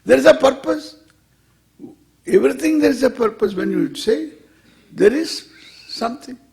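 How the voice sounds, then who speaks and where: A man's voice: very high-pitched, animated, moderate pace, vocal fry, a little mellow. A man with an Indian English accent gives an informal spiritual discourse as a swami, playful and wry, posing questions, answering them and repeating phrases for emphasis.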